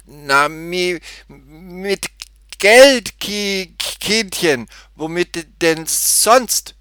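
A man's voice: high-pitched, animated, extremely slow, fairly bright tone, smooth, no echo, clean studio sound, voice pushed up, exaggerated voice. A man voicing a nervous young male cashier who stutters and blurts out words, in a storybook reading.

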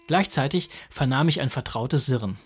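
A man with a husky voice narrates a humorous first-person story. His telling is dry and wry, and his voice sits at an ordinary middle pitch. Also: lively intonation, normal speed.

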